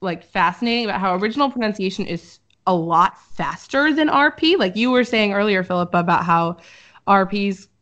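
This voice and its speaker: Woman, podcast co-host, casual chat, lots of "um"s, mid-pitched, dull lo-fi sound. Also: lively intonation, fairly quick, a bit bright. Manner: chatty, filler-heavy, explaining. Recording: dull lo-fi audio.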